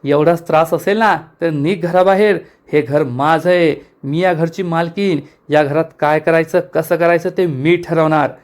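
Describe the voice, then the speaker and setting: A man's voice: on the high side, fairly even intonation, moderate pace, hardly any pauses, close to an everyday voice. A man reading aloud the angry lines of a spiteful, scheming older woman who owns the house, in snapping, defiant retorts. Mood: irritated.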